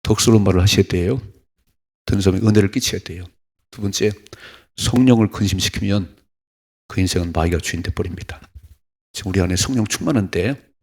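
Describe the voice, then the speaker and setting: A man's voice: on the low side, darkish tone, slightly rough. A man preaching an early-morning church sermon in a folksy, urging way, acting out little everyday scenes for the listeners. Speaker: pastor. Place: church sanctuary.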